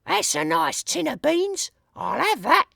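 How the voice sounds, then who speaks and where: A man voicing a greedy, sneaky woman burglar in a high falsetto. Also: huge pitch swings, measured pace, gravelly, pushed and bright, no echo, studio quality, exaggerated voice. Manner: high falsetto, unlike his own voice.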